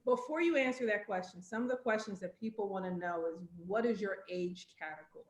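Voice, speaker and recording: A woman's voice: mid-range voice, a little fast, echoey room. A woman in her fifties chatting playfully and adding questions during a church group video call. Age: 50s. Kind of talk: casual group chat.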